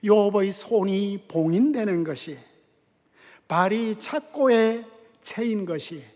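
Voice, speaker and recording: An older man preaching a sermon as a guest pastor, emphatic and measured, with dramatic pauses and hushed drops in his voice. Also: high voice, expressive. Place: large church sanctuary. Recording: long church hall reverb.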